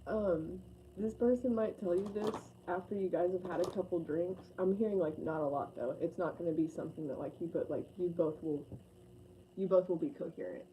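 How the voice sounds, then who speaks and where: A woman's voice: fairly low pitch, a little fast, mellow, slight background noise, rough recording. Chatty woman in her late twenties reading tarot. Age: late 20s. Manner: chatty and effusive, sentimental. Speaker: tarot reader. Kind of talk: casual tarot reading to camera.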